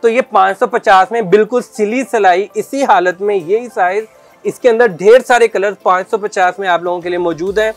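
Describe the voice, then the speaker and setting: A middle-aged man from Pakistan who owns a garment shop, giving a persuasive sales pitch and explaining at length in an interview. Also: normal speed, soft background music. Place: clothing shop indoors.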